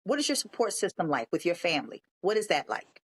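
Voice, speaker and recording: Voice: medium pitch, sing-song, fast, breathy edge. A podcast host leading an interview, encouraging the guest and echoing short agreements. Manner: affirming, repeats short agreements. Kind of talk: interview hosting.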